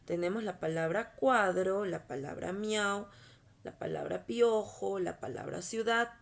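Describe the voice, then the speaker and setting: A woman's voice: medium pitch, unhurried, creaky. A woman teacher patiently explaining a lesson to schoolchildren, often checking in with short questions. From Peru. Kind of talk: recorded online class explaining over slides.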